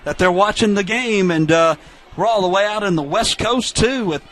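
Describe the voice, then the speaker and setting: Man, play-by-play caller for a local football stream, high and bright, chatty between plays. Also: normal speed, a little hiss or hum. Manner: chatty, reads out viewer shout-outs. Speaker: play-by-play announcer. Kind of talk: high school football commentary.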